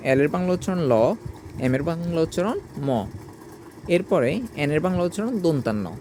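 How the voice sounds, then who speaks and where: A man's voice: fairly high pitch, background noise. A man teaching English, working through a pronunciation lesson in a methodical, letter-by-letter way.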